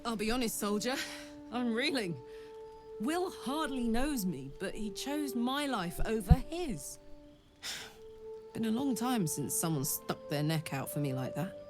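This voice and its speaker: A tough, soft-hearted warrior. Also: female voice, a little high, animated, a little slow, over music. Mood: moved.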